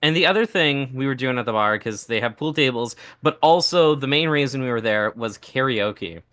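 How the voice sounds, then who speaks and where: A young man co-hosting a casual comedy podcast, talking into a podcast mic. His voice is bright and ringing, and his pitch swings widely as he spins his anecdotes. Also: moderate pace. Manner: animated storyteller, acts out quoted people. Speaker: podcast co-host. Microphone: podcast microphone.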